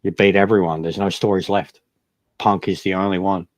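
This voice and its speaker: A man's voice: low voice, little pitch movement, normal speed, dry recording, clean studio sound. A man talking casually and emphatically as a wrestling fan co-host, opinionated, repeating his points and swearing freely. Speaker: wrestling talk show co-host. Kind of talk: casual sports fan debate.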